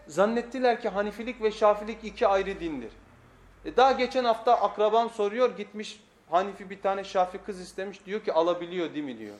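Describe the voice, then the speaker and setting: Kürsüde mikrofona konuşan bir erkek din hocası; vurgulu bir dille ders anlatıyor, retorik sorular sorup kendisi yanıtlıyor. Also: male voice, sits high, fast talker. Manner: emphatic, asks rhetorical questions and answers them. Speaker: religious teacher. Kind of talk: religious lecture. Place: at a pulpit before a congregation. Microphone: pulpit microphone.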